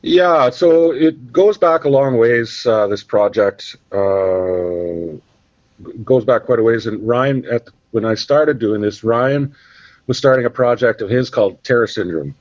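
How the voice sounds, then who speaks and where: Rambling and filler-heavy, a Canadian man chats casually as a guest on a podcast. He speaks at a measured pace in a medium-pitched, slightly mellow voice, captured in a dull, dry recording.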